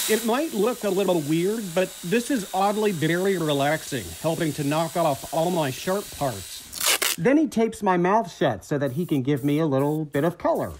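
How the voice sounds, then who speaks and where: A man's voice: a little high, a little hiss or hum. A man, a TV news reporter, voicing a playful wooden teddy bear who narrates a news feature in the first person with jokey, teasing asides.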